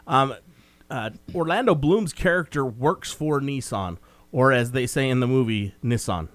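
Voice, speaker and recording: A man's voice: mid-range voice, expressive, moderate pace, a bit bright, no echo. Talkative man co-hosting a film review. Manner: meandering, talkative recap. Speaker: movie review co-host. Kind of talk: casual chat.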